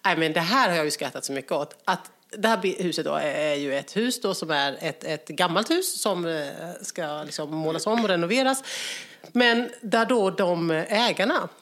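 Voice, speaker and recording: A woman co-hosting a casual podcast chat, telling a story in an animated way and laughing a lot. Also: fairly low pitch. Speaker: podcast co-host.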